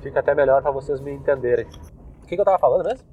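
A young podcast host from southern Brazil, speaking Gaúcho-accented Brazilian Portuguese, rambles casually from inside his car. His medium-pitched voice is rapid-fire with a breathy edge, the audio sounds phone-quality, and faint music plays behind his loose, slangy, filler-heavy talk.

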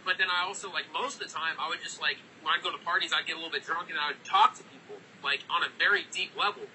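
Young male frat bro type, sweary casual chat, quick and sharply forceful. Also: on the high side, steady tone, a little hiss or hum, poor audio. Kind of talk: casual heartfelt conversation.

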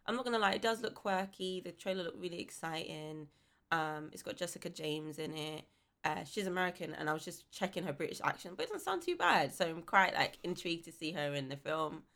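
A woman's voice: fairly low pitch, animated, fairly quick, a bit bright. A woman on a podcast panel, giving her opinions in casual conversation.

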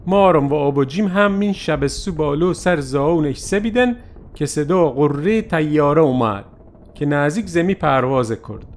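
A man narrating a first-person story in a lively, animated way. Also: on the high side.

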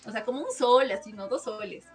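A woman, co-hosting a podcast in animated, laughing casual chat. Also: a little high, a little fast. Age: 20s. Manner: animated storytelling, laughs often. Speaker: podcast co-host.

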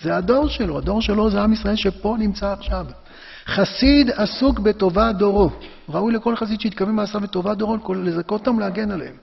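A man giving a Torah lesson to a class, impassioned and emphatic, rising to forceful peaks. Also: sits high, gravelly, slightly rough. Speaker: Torah teacher. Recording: dull lo-fi sound with long hall reverb.

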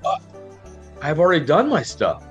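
A man's voice: a little high, huge pitch swings, moderate pace, dull audio, soft background music, pitched above the performer's own voice. A man playing a jovial town-drunk adventurer. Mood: jovial, tipsy. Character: friendly, rambling wandering adventurer, happily drinking in a tavern. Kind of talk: improvised tabletop role-play.

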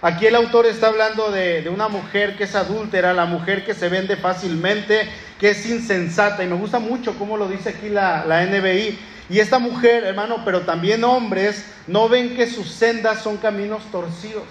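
Male pastor, high voice, animated sermon, faint room noise in a reverberant hall. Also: normal speed. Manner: lively, calls out to the congregation. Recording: echoey hall with room ambience.

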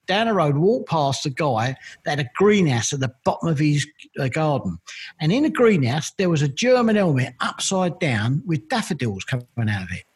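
A man's voice: fairly high pitch, breathy edge. A middle-aged man from East London with a Cockney accent, chatting through long rambling stories as an interview guest. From East London, England. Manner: chatty, rambling, repeats "I've got to be honest". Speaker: interview guest, militaria collector. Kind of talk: casual storytelling interview.

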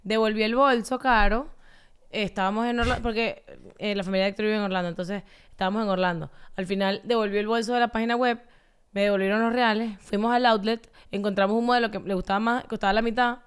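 A woman in her thirties, co-hosting a podcast in casual chat, animated and acting out quotes as she tells stories. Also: mid-range voice, fast, clean tone. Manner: animated storyteller, acts out quotes. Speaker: podcast co-host.

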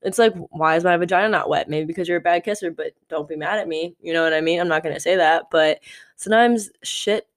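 A woman in her twenties hosting a solo podcast, talking candidly and rambling with lots of "like" fillers. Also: on the low side. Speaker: podcast host.

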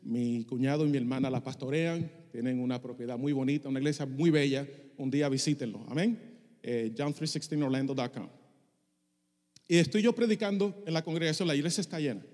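A man's voice: medium pitch, fairly quick, a little mellow, big-room sound. A middle-aged male pastor preaching a passionate sermon, dropping English phrases into his Spanish. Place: church sanctuary.

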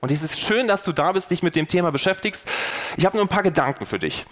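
A man's voice: sits high, lively intonation, quick pace. A man hosting a faith podcast, preaching earnestly and putting rhetorical questions straight to the listener. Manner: earnest and persuasive, rising and falling for emphasis. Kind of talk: sermon-style podcast talk.

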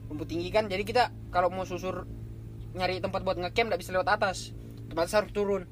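Fast-talking man telling a ghost story. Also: high-pitched, fairly even intonation, slight background noise. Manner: rambling, slangy, repeats himself while describing. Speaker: storyteller on a horror podcast. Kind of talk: casual chat, telling a camping ghost story.

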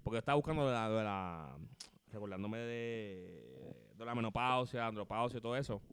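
A man, co-hosting a podcast in casual chat and telling stories in a rapid, animated way full of slang. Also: on the low side, clear, resonant tone. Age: 30s. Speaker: podcast co-host.

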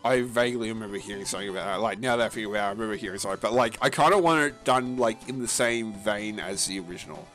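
A man's voice: lowish voice, a bit bright, soft background music. Rambling casual man on a gaming podcast. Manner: rambling, halting, with many fillers and restarts; casual and profane. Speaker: podcast co-host.

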